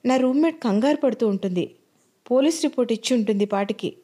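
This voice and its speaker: A woman's voice: a little high, fast talker, warm tone, slightly rough. A woman reading a story voices a frightened young woman, pleading and panicked as she is taken away.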